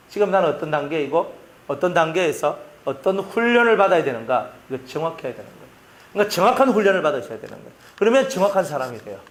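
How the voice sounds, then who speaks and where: A male pastor with a Gyeongsang Korean accent preaching a sermon, telling stories in an animated way and using lots of sound effects. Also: on the high side.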